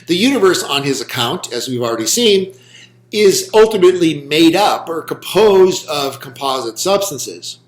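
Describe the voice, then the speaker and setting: A man giving a recorded philosophy lecture, speaking slowly and deliberately with frequent ums. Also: on the high side, animated. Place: room with a whiteboard. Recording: roomy echo.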